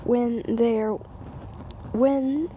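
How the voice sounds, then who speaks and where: A woman's voice: a little high, steady tone, drawn-out words, dark tone, a little hiss or hum. A woman reading a children's storybook aloud, stumbling and repeating phrases, with casual asides. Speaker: reader.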